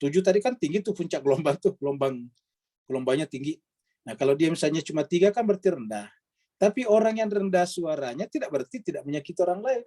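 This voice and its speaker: A man giving a scripture study lecture, pitched a little high for a man. He explains patiently, circling back with examples and asking himself questions. The sound is dry and close, with no room behind it. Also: warm tone, no room sound. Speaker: Quran teacher.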